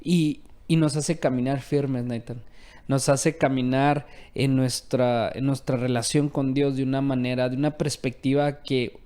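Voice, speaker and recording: Hombre de pódcast cristiano, fervoroso. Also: male voice, medium pitch, warm tone. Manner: affirming, fervent, repetitive emphasis. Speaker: co-host.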